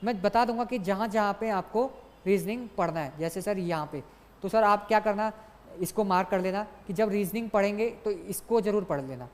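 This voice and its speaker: Young male tutor, long reverb. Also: sits high. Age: young adult. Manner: brisk and coaxing, says "sir" to students constantly; repeats key points for emphasis. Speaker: exam tutor. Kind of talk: online exam-prep lecture. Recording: long reverb, as in a large hall.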